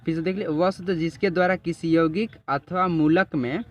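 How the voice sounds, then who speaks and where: Brief teacher with a lilt. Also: male voice, fairly high pitch, steady tone. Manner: drawn-out explanatory, repeats and checks "ठीक है". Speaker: chemistry teacher. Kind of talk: classroom lesson with a student. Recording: dull lo-fi recording.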